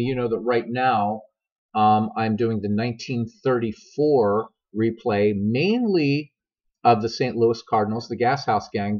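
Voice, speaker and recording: A middle-aged game tutorial host with a husky smoker's rasp and a mid-range, slightly mellow voice rambles conversationally, addressing his viewers directly and drifting into digressions. It's voice-over on screen capture with a dull, lo-fi mic sound.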